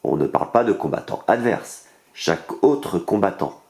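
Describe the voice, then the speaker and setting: A French-accented man with a deep, gravelly, darkish voice casually unboxes a board game and reviews the cards. Expressive and at normal speed, he enthusiastically lays out the rules step by step, peppering his talk with fillers.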